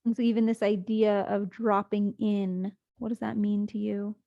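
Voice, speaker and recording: Guiding listeners toward sleep, a woman speaks softly and unhurriedly, leaving long silences while keeping her pitch level. Her voice has a touch of vocal fry, and the recording comes across as a bit muffled and low-fidelity.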